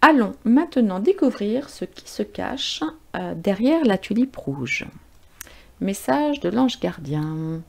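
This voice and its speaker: Female tarot reader with a mellow, gravelly voice; casual, chatty delivery full of fillers. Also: mid-range voice, very animated, slow pace. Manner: chatty and informal, with frequent fillers and self-corrections. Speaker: tarot and oracle card reader. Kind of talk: casual spiritual card reading.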